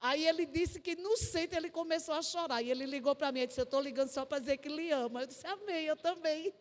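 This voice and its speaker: A woman's voice: high voice, quick pace. A woman with a Northeastern Brazilian accent preaching a testimony sermon, telling her story vividly and acting out the voices she quotes. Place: church hall. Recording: long church reverb.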